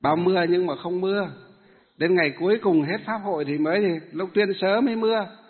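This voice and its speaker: A Buddhist monk giving a dharma talk to lay followers, asking the audience questions and then answering them himself. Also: male voice, sits high, brisk, husky. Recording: tinny phone-like sound in a hall with long reverb.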